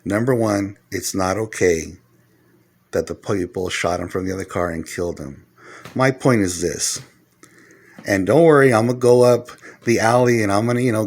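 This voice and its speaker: A middle-aged man talking casually to the camera, giving earnest advice point by point and growing loud and heated as he retells arguments. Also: lowish voice. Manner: earnest, lecturing, numbers his points. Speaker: vlogger giving life advice.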